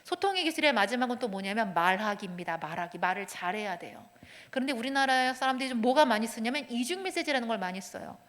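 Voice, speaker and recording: Lively woman counselor in an echoing church. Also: a little high, quick pace. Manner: lively, acts out quoted dialogue, drops to a hushed whisper for emphasis. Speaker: counselor giving a talk. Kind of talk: lecture to young adults. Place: church hall.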